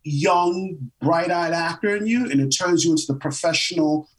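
A man's voice: on the high side, moderate pace, distant mic, low-quality recording. A man, a guest actor telling stories in a casual interview and acting out quotes. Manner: animated storytelling, laughs often, acts out quotes.

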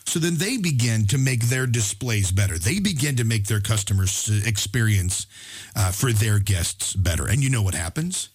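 Husky male host, earnest motivational storyteller who trips over his words and slows down for emphasis. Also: on the low side, expressive. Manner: earnest, frequent stammered restarts; slows down to stress key words. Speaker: podcast host. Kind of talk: personal story and motivational talk.

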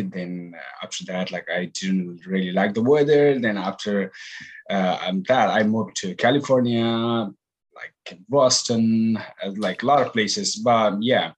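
A Nepali man with a Nepali accent, a meditation teacher, answers interview questions hesitantly, full of ums and likes. His voice sits low, and the recording is rough.

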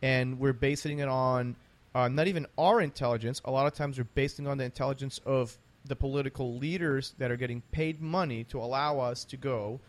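A man's voice: medium pitch, steady tone, a little fast, few pauses. A man hosting a conversational interview, talking emphatically and repeating phrases to drive points home. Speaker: interview host.

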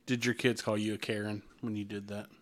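A man's voice: lowish voice, level tone, brisk. A man co-hosting a casual podcast, teasing the others and egging them on. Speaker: podcast co-host. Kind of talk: casual chat.

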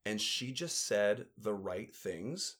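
A man with a fairly low voice telling backstage stories in a loose, chatty way. He circles and restarts his sentences, full of "you know" and "like." It sounds like a relaxed guest on a casual talk show. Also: takes it slowly. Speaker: musical theatre performer, guest. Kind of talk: casual storytelling chat.

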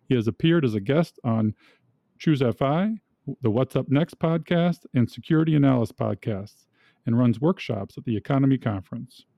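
A man's voice: medium pitch, creaky, no echo, highs cut off. A man hosting a podcast, reading a scripted guest introduction and talking with his co-host.

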